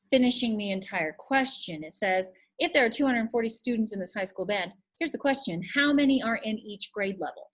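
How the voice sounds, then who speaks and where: Woman teacher with a slightly high voice, patient and methodical, walking students through an equation. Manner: patient, step-by-step explaining, thinks aloud. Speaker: math teacher. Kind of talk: recorded video lesson.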